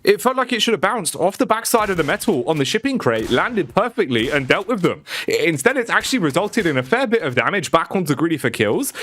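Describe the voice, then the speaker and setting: A man giving live esports play-by-play commentary, quick and rising in pitch on big plays. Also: fairly bright tone. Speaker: esports caster.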